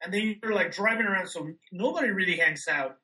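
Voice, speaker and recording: A man's voice: high voice, a little fast, pushed and bright, rough recording. A man co-hosting a podcast in casual chat, telling loose rambling stories, recorded over a remote call. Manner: rambling, loose, many "like" fillers, laid-back storytelling. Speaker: podcast co-host. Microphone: remote call microphone.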